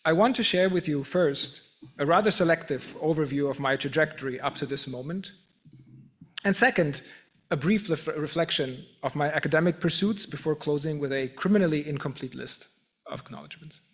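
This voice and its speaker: German-accented man giving a formal speech. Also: on the high side. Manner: measured, self-deprecating, occasional restarts. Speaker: professor giving an acceptance speech. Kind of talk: formal prepared speech with humor.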